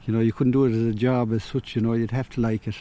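A middle-aged man speaks reflectively and conversationally. His voice is mellow and relaxed, at a medium pitch. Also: fast. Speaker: fisherman. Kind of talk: conversational interview answers.

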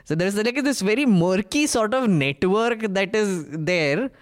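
Indian-accented panellist, middle pitch, informal and conversational, frequently seeking agreement. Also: animated, measured pace. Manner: informal, often checks with "right?". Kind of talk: conversational political panel discussion.

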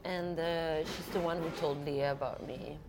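A woman who grew up in Denmark, a painter chatting as an interview guest over lunch, lively with frequent laughs and restarts. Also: low voice, moderate pace, faint music behind. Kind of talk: casual interview chat.

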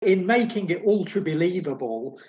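Enthusiastic man, higher voice, lo-fi sound. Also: expressive, normal speed, a little mellow. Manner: enthusiastic, emphatic, repeats phrases. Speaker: film podcast co-host. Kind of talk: casual film discussion.

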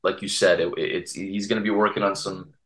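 A young man giving halting, earnest answers in a casual podcast interview. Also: deep voice, steady tone, a bit bright, reverberant. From Toronto, Canada. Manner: earnest, halting, many restarts. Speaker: guest from a Serbian community TV channel.

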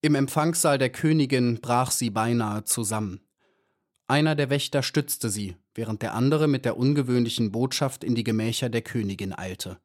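Calm male storybook narrator. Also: medium pitch. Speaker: audiobook reader.

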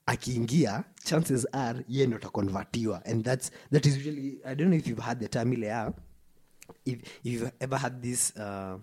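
A man with a husky voice and a Kenyan accent talks casually and emphatically, mixing English with Swahili slang and often restarting and repeating himself. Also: medium pitch, normal speed, darkish tone. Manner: emphatic, stop-start delivery with repetition. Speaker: podcast co-host.

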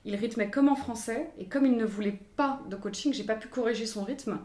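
A woman's voice: a little high, brisk, a little mellow. A young woman in her twenties working as a language coach for actors, answering interview questions with many fillers and restarts. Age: 20s. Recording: roomy echoey sound.

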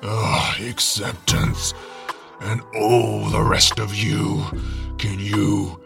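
A man's voice: on the low side, level tone, very slow, vocal fry, exaggerated voice. A man voicing the grumpy, short-tempered emotion Anger, who talks in a curt, irritable way. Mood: fed up. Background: music.

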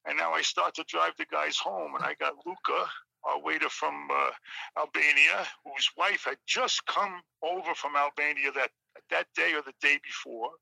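A man calling in over a phone on speakerphone, telling stories in a casual, animated and jokey way. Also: on the high side, moderate pace, vocal fry, dry recording, poor audio. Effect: heard over a phone on speakerphone. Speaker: caller. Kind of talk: casual storytelling on a talk show.

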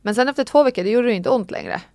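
A woman's voice: a little mellow, dry recording. Young woman, casual frank chat host, dry studio sound. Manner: candid storytelling, acts out quotes with jumps in pitch.

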